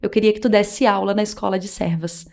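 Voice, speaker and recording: A woman's voice: mid-range voice, steady tone, a little fast, creaky, a little mellow. A woman guest, telling her faith testimony in casual chat, earnest and emotional, acting out remembered dialogue. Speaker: podcast guest.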